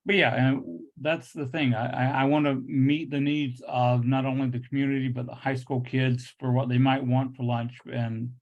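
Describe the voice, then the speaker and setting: A muffled, lo-fi recording carries a man in his late fifties addressing a meeting. His pitch is ordinary and his delivery emphatic and unscripted. He shapes words a little awkwardly, as though adjusting to new implants. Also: level tone, normal speed, few pauses. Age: late 50s. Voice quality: slightly awkward articulation from new full-mouth dental implants. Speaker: liquor store owner addressing a public meeting. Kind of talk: earnest unscripted remarks at a public meeting. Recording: dull, muffled lo-fi meeting audio.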